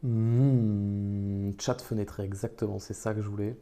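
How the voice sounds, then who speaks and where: A man's voice: lowish voice, flat delivery, measured pace, warm tone. A man casually chatting to his viewers during a live stream, talking into a phone. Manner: chatty and improvised, talks to his chat.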